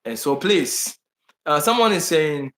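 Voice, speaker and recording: Speaking with a slightly high, expressive and somewhat bright voice, a bit slowly, this man answers viewer questions in a loose live chat. Born in the Bahamas and partly raised in Ghana, he has a Ghanaian accent and rambles with many restarts, fillers and emphatic repeats. He is indoors in Brazil, and the sound is reverberant.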